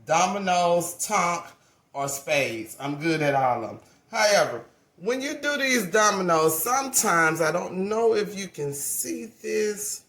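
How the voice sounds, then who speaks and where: A woman in her forties giving a casual hands-on craft tutorial, chatty and folksy, often correcting herself mid-sentence. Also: low voice. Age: 40s. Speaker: craft channel owner. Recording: roomy echo.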